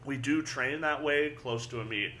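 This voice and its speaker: A young adult man, a powerlifter and guest, telling a story in casual chat, animated and swearing freely, often repeating words. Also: mid-range voice, moderate pace, slight background noise.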